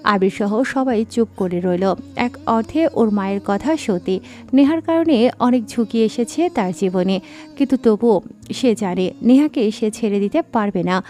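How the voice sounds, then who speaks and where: A woman narrating a dramatic story in a scripted, expressive reading. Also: medium pitch, a little slow. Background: faint background music.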